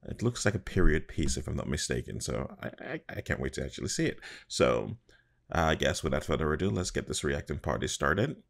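Very deep, gravelly man, casual reactor. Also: expressive, a little fast. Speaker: reaction video host. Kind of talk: casual trailer reaction commentary. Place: small room at home, indoors.

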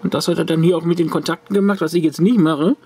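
At his home workbench, a retro computer hobbyist shows a corroded circuit card to the camera in a casual vlog, rambling with restarts and fillers. His voice is on the high side, fairly even, fast and darkish, with a breathy edge.

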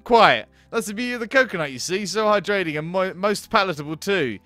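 A man's voice: high voice, lively intonation, brisk, sharp tone, dry recording, soft background music. Snooty Booty, a man doing a haughty posh cat lady. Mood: smug. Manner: prim, condescending, overly formal.

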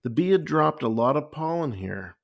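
A man's voice: fairly high pitch, expressive, normal speed, vocal fry, voice pushed up. A man voicing a curious, thoughtful young schoolboy who explains things in a storybook read-aloud.

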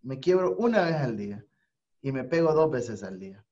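Exhorting man with lively pitch. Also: normal speed. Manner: earnest, exhorting, preacher-like. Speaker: radio host. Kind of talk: casual spiritual talk. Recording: dull lo-fi audio.

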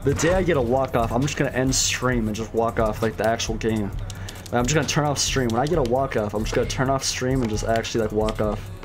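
Male game streamer, hyped gamer bro manner, casual slang, mid-pitched, music in the background. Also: fast. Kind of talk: casual gaming livestream chat. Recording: music playing behind.

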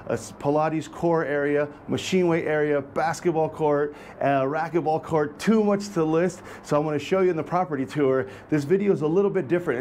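A man in his forties, a real estate agent hosting a property tour, talking to camera in an upbeat, friendly sales manner from a high-rise apartment. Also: darkish tone, a little hiss or hum. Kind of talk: casual to-camera vlog.

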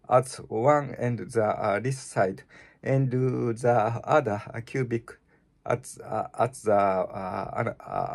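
A man with a Japanese accent, a native Japanese speaker, reading the Bible aloud in English in a halting, stumbling way, with many restarts and fillers. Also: mid-range voice, creaky, a little mellow. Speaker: channel host reading scripture.

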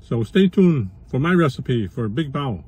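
A man's voice: mid-range voice, big pitch swings, a little mellow. Easygoing man chatting through a food vlog. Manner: easygoing, frequent "uh" pauses while explaining. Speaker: food vlogger. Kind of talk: casual vlog and cooking demo.

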